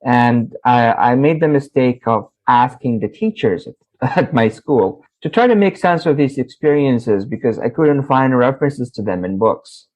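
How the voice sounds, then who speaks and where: A man from Saudi Arabia telling his life story as an interview guest, animated and often laughing. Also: medium pitch, moderate pace, hardly any pauses, rough recording.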